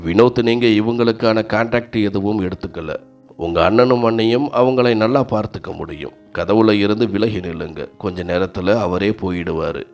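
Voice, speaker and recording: A domineering young wife snaps short orders in a spoken story, read by a male narrator. The voice stays low with a rough, gravelly grain, and each line comes out clipped and commanding. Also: moderate pace, a little mellow, soft background music. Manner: curt, commanding.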